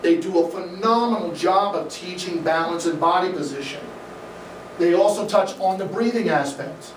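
Recorded by an audience camera from the back of a reverberant, dim event room, with no mic in sight, a middle-aged Midwestern swim coach talks at normal speed before a projection screen. His slightly high voice sounds distant and echoey, with faint noise. He lectures energetically and conversationally, gesturing and using fillers.

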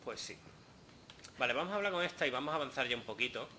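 A man gives gameplay commentary in a very bright, sharp voice at an ordinary pitch. He jokes, gets excited and swears casually. Faint ambient noise sits behind him. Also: quick pace. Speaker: gaming host.

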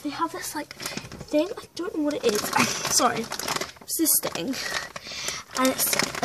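Chatty high-voiced young girl vlogging. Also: noisy background. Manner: chatty, rambling, stop-start with many fillers. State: out of breath. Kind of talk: casual vlog life update. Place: at home indoors.

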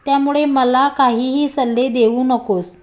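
Woman reading as cocky, teasing young man; high voice. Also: fairly even intonation, a little slow, darkish tone. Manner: teasing, joking.

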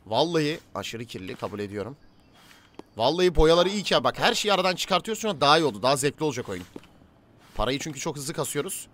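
A man giving casual let's-play commentary, chatting to game characters and his viewers, swinging from low mutters to loud calls. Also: big pitch swings, fast talker. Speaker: gaming YouTuber.

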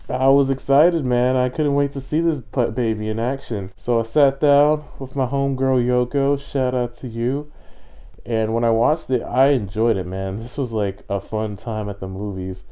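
A man's voice: mid-range voice, mellow, smooth. A man in a costume head giving a casual, enthusiastic and rambling movie review in slangy talk. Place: indoors, fursuit costume.

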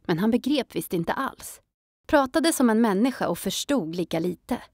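A woman narrating a children's audiobook in a calm storytelling manner. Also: fairly high pitch, dry recording, clean studio sound.

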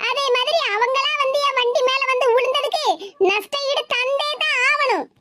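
A woman's voice: very high-pitched, moderate pace, bright, forceful tone. A woman voicing a proud young married woman in a cartoon, lecturing self-righteously in a Tirunelveli Tamil accent. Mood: smug. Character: young wife, proud and newly respectable.

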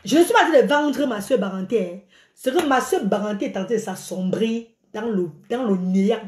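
This clip has a middle-aged woman from Cameroon speaking at medium pitch and a little fast in an animated live-video rant. She exclaims often and gestures a lot while holding her phone at arm's length. The small room by a curtain gives the audio a roomy quality.

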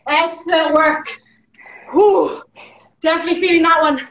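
A woman with an Irish accent leading a live workout class over a video call, energetic, counting down reps and cheering people on. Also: very high-pitched, normal speed, reverberant, highs cut off. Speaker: fitness instructor.

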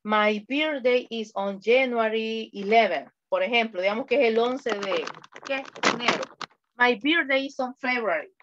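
Salvadoran lady teacher, kinda high voice, dull lo-fi sound. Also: fairly bright tone, a little hiss or hum. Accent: Salvadoran Spanish. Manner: slow, drawn-out English model phrases. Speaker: English teacher. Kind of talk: online English class. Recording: dull lo-fi audio.

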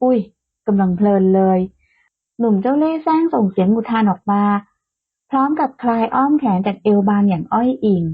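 A woman hosting and narrating a romance audio novel in a smooth, steady storytelling manner, with a tinny phone-like sound. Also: on the high side. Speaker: audiobook narrator and channel host.

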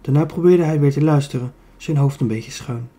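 A man's voice: a little high, fairly quick, warm tone, slightly rough. A man with a Dutch accent reading a children's book aloud, with small slips he corrects as he goes. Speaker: audiobook reader.

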